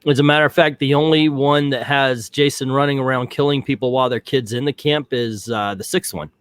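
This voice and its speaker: A man's voice: mid-range voice, steady tone, fairly quick, smooth, dry recording. Chatty man hosting a watch party. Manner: rambling, chatty, frequent fillers and laughs. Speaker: host of a movie commentary show. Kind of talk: casual live watch-party commentary. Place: home, Central Florida.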